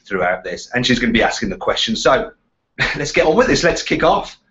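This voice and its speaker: A man's voice: medium pitch, sing-song, fairly quick, sharp tone. A British man presenting a casual car question-and-answer chat in a chatty, bantering way. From Walsall, West Midlands of England. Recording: slightly dull, lo-fi sound.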